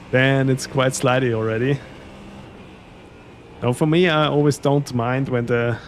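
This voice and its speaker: A man's voice: medium pitch, darkish tone, a little hiss or hum. A man from Austria with an Austrian German accent, a German native speaker, chatting casually with viewers as a sim racing streamer and chuckling often. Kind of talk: casual live-stream chat.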